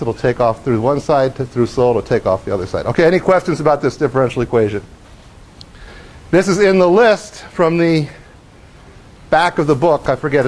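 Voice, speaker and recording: A middle-aged man giving a university lecture in a lecture hall, animated as he acts out motion and tosses wry questions to the class. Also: medium pitch, a little hiss or hum. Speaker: professor.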